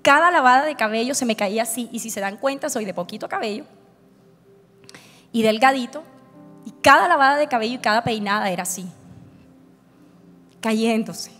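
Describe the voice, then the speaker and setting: A woman's voice: fairly high pitch, normal speed, long pauses. A woman pastor, preaching an emotional testimony at a conference and acting out her own past words. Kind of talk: conference sermon with personal testimony. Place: large church hall. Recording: church hall reverb with soft music.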